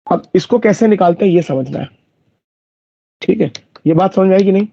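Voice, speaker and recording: A man's voice: high-pitched, brisk, vocal fry, warm tone, no room sound. A man teaching math in a live online class, explaining step by step and checking whether his students follow. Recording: dull lo-fi dry recording.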